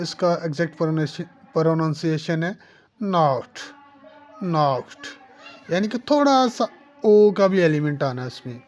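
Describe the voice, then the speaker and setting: In a slightly mellow voice on the low side, a woman gives an English phonetics lesson. She patiently sounds out example words one at a time, calling the learner "dear student."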